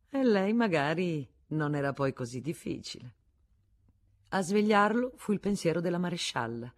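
A man narrating a novel as an audiobook, with measured literary reading. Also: fairly high pitch, breathy edge.

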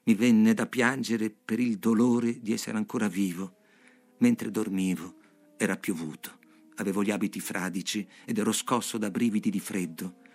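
A man reading a novel aloud on the radio in an expressive, dramatic manner. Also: fairly low pitch. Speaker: audiobook reader.

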